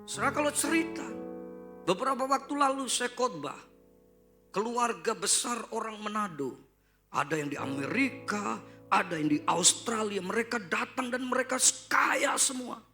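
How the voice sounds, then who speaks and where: A male pastor preaching a sermon in a church, swinging from loud shouts to hushed whispers. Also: high voice. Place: church hall. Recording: live church sermon with guitar. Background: guitar music.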